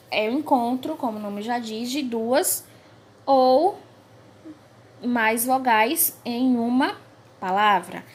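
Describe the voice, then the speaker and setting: A Brazilian woman teaching a grammar review to young pupils, speaking slowly and clearly and stressing each example word. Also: fairly high pitch, slight background noise. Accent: Brazilian Portuguese. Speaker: primary school teacher.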